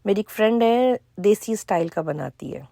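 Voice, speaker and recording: A middle-aged woman, chatting casually in a cooking vlog, hoarse for now and full of chatty asides. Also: medium pitch, expressive, warm tone, no echo, studio quality. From Pakistan. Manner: chatty, storytelling with asides and quoted dialogue. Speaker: vlogger.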